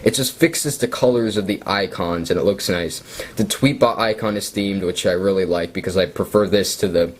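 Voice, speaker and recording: A young man casually walking through his device setup, relaxed and chatty with self-deprecating asides. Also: low voice, moderate pace. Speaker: tech video creator. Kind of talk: casual screen-recorded walkthrough.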